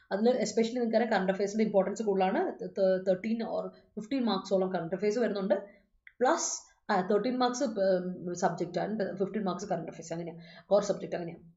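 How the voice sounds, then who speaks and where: A woman with a Malayali accent teaches an English class online, switching between English and Malayalam. She reads student sentences slowly and rushes through course announcements. The room sounds roomy and the audio is a little dull. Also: mid-range voice, warm tone.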